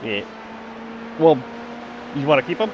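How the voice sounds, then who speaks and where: A man managing his team during a sim race, giving calm, steady instructions over voice chat. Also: fairly high pitch, measured pace, dull audio, background noise.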